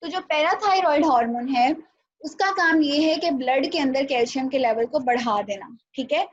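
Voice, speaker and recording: A woman's voice: high-pitched, normal speed. Patient woman teaching over a muffled call. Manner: patient, explains step by step with fillers. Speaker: nutrition teacher. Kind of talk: online class lecture. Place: home video call. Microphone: laptop or phone mic on a video call. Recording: dull, lo-fi video call audio with faint noise.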